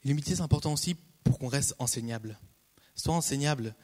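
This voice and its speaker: A man preaching a casual, conversational sermon, repeating key phrases and breaking off into lively asides. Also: mid-range voice, fast talker. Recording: long hall reverb.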